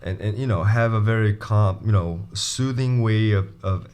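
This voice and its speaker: A man's voice: on the low side, normal speed, a little mellow, smooth. A man teaching as an interview coach in a casual spoken lesson, walking through his points one by one in a conversational way.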